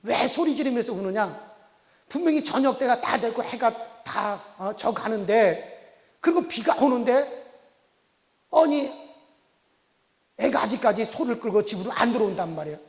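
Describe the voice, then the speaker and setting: A man's voice: very high-pitched, lively intonation, moderate pace. A middle-aged male pastor preaching a sermon, telling a childhood story in a folksy way, often checking in with his listeners. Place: church sanctuary. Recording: long church hall reverb.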